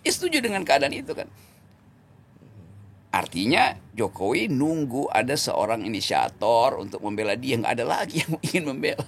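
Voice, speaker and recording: A man with a gravelly, rough-edged voice talks in an interview with a mocking, sarcastic edge. His pitch swings up and down constantly, with laughter slipping into his sentences. He often repeats himself and corrects his own word choices mid-thought. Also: big pitch swings, normal speed, slight background noise. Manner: repeats words while searching, self-correcting. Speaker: political commentator. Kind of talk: interview talk.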